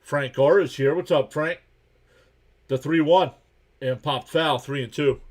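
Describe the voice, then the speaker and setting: A man streaming a live game reaction, calling each pitch and count in casual play-by-play while greeting viewers and reading their chat messages aloud. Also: measured pace. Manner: chatty and laid-back, greets viewers by name.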